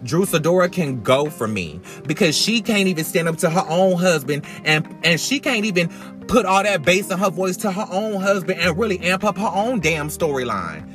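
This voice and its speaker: A man giving sassy, emphatic, opinionated casual commentary as a podcast host, talking loudly as if to be heard over rain. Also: sits high, expressive, moderate pace. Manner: emphatic, sassy, swearing freely. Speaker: podcast host reviewing reality TV. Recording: iPhone recording with background music. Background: rain and music.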